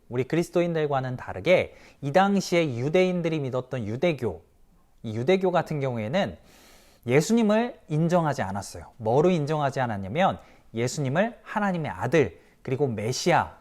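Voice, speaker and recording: A man giving a children's sermon as pastor, telling the story in a lively way, asking the kids questions and acting out the quoted voices. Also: on the high side, fairly quick.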